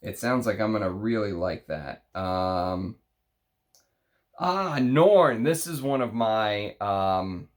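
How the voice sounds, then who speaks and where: A man with a Texas accent chatting unscripted through an unboxing, halting and thinking aloud as he reads out names. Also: on the low side. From Texas, United States. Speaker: fragrance review show host. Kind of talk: unscripted unboxing chat, reading out names and notes.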